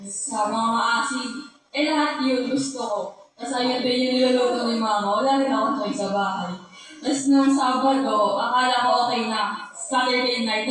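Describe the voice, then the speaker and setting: A young woman sharing a personal testimony at a church service, speaking politely and softly. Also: fairly high pitch. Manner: polite, soft-spoken, honorific po. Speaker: church member giving testimony. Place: church hall. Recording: very echoey hall from far off.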